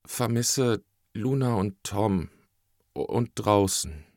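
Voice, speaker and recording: Man putting on a little girl, high and small, stammering, timid, storybook reading. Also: brisk, no room sound, clean studio sound, close to an everyday voice. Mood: shy sad. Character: little girl, lonely and shy.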